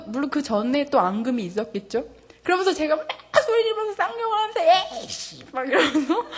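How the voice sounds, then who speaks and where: A church member in her thirties gives her testimony to the congregation, speaking candidly and with animation. She laughs often, and her voice leaps high whenever she gets excited.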